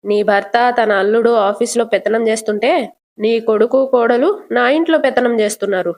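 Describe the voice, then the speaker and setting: A woman voicing a sharp-tongued older aunt who taunts and accuses in a scornful way. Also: fairly high pitch, moderate pace, close to an everyday voice.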